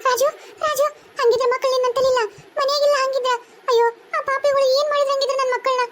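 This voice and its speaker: A woman voicing a grieving young ghost wife in a cartoon, pleading and wailing in a North Karnataka Kannada accent. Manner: very high, fast, pleading and wailing. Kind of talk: cartoon voice acting.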